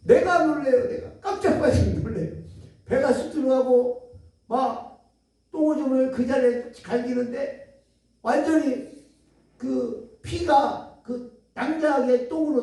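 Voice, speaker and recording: A man's voice: very high-pitched, unhurried, warm tone. A man giving a testimony sermon as a guest lecturer at a retreat center, telling stories animatedly, acting out dialogue and laughing often. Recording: echoey hall, voice from far off.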